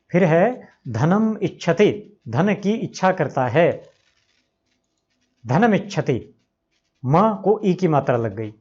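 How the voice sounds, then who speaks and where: A man teaching Sanskrit grammar, explaining rules and slowly repeating each example word to model how it is pronounced. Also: fairly high pitch, darkish tone. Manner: slow, repeats examples, stretches out words to pronounce them. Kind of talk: explanatory lesson. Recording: dull lo-fi recording.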